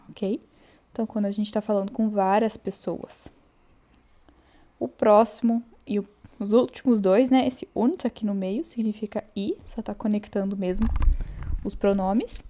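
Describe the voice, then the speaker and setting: Woman, language teacher, warm mellow tone, patient, repeats words slowly, casual lesson. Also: medium pitch. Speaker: German teacher. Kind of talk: relaxed online language lesson.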